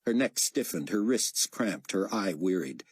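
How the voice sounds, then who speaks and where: A male narrator reads an audiobook in a low, husky voice. His intonation rises and falls with a lot of movement, and the sound is dry and close to the mic. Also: animated, unhurried, dry recording. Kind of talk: scripted narration.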